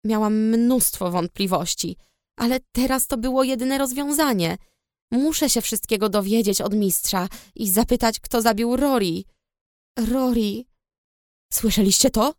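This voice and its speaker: A woman's voice: fairly high pitch, moderate pace, darkish tone, no room sound. Woman narrating a storybook, dry close sound. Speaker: audiobook narrator. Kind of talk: first-person storybook narration.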